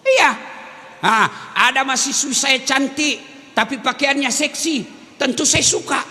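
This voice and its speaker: A man giving a lively religious lecture to teachers, joking and acting out classroom scenes. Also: very high voice, a little slow. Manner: animated, jokey, acts out classroom scenes in his own voice. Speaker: preacher and lecturer. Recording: echoing hall recording.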